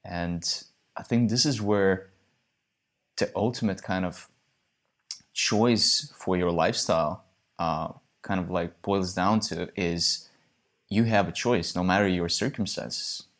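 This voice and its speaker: A man's voice: low voice, slow. A man co-hosting a casual podcast, asking follow-up questions and reflecting thoughtfully. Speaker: podcast co-host, interviewer.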